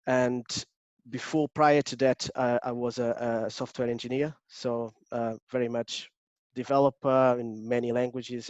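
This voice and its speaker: A man's voice: mid-range voice, darkish tone, no room sound, highs cut off. A man from Portugal with a Portuguese accent, an agile coach giving an online workshop, hesitant with many fillers and restarts. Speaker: agile coach presenting a webinar. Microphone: video call.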